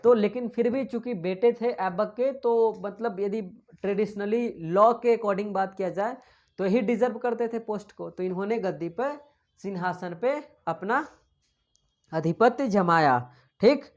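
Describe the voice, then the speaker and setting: A woman's voice: mid-range voice, measured pace, a little mellow. A woman giving an exam-prep history lecture, dictating notes and asking and answering her own questions in a chatty way with English terms mixed in. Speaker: history teacher.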